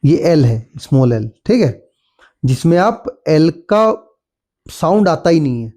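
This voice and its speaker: A young male tutor working through a children's textbook lesson. He reads each English sentence aloud at a very slow, deliberate pace and then explains it. His voice sits a little high and sounds soft and mellow. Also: very animated.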